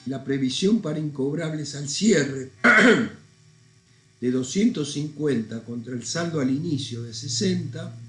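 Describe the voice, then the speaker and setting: A man with a fairly high voice, congested from a cold and often clearing his throat, teaches an accounting lesson step by step. As an accounting lecturer in a recorded lesson, he explains in an informal, didactic way, thinking aloud. The recording has echoey room sound and a noisy background.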